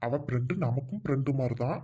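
A woman's voice: a bass voice, expressive, fast, dark tone, husky, full character voice. A woman voicing a meek, henpecked older husband in a Tamil cartoon, with a Trichy accent and a pleading manner. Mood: mild. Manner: pleading, whiny.

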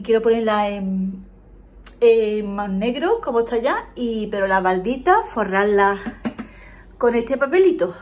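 A woman's voice: a little high, a little mellow. A woman, chatting casually as a vlogger in her home kitchen and rambling through her plans. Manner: chatty, rambling, self-correcting. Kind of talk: casual chat. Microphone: handheld phone camera.

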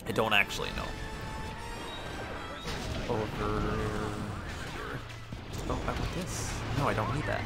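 A man giving let's-play commentary, excitable, swinging from quiet muttering to yelling at the game. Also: mid-range voice, fast, few pauses, loud music behind the voice. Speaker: gaming channel host.

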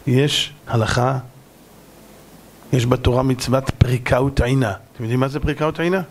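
A man, a rabbi, giving a dramatic sermon to an audience, acting out parables and sometimes shouting. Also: mid-range voice, steady tone, a little hiss or hum. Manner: dramatic, acts out parables in many voices.

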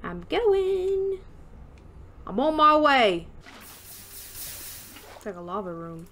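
A woman's voice: high-pitched, slow pace, a little hiss or hum. A young woman hosting a casual gaming chat, exclaiming and gasping as she plays. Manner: lively, exclaiming and gasping while playing. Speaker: channel host.

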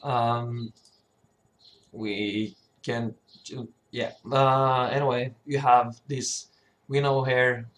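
Man, sick cracking voice, unhurried pace, stumbling delivery, informal tutorial. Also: mid-range voice, level tone. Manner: hesitant, often stumbling and throat-clearing. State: sick, sore voice. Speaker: tutorial presenter, level designer.

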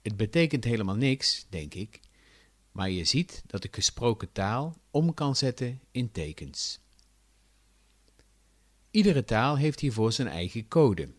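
Man, southern Dutch accent, scripted lesson narration, animated intonation. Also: medium pitch, no echo. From south of the Netherlands. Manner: clear, deliberate explanatory delivery with lively intonation. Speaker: language teacher.

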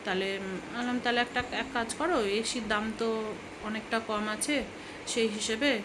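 Woman from Bengal, thirties, casual rambling home-vlog talk, a bit high, noisy phone recording at home. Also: fairly even intonation, measured pace. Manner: chatty, rambling, soothes a fussing toddler. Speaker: vlogger. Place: home room with fans running.

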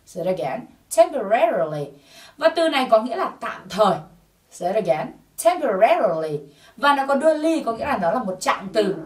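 A woman's voice: on the high side, sing-song, fast, recorded from a distance. A woman teaching a TOEIC English lesson, patiently explaining answers and drilling pronunciation through repetition. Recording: roomy sound from off-mic.

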